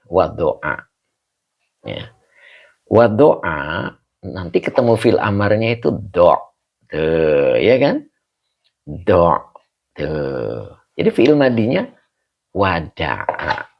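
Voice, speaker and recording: A man's voice: sits low, big pitch swings, slow pace, vocal fry, pauses often, highs cut off. A man leading a casual online religious class, chatty, greeting students by name and laughing often, heard over a video call. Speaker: religious teacher.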